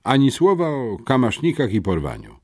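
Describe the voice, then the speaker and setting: A man's voice: mid-range voice, huge pitch swings, normal speed, breathy edge, pitched above the performer's own voice. A man voicing a determined, curt teenage schoolboy detective in an audiobook, speaking firmly. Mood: stern. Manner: stern, curt.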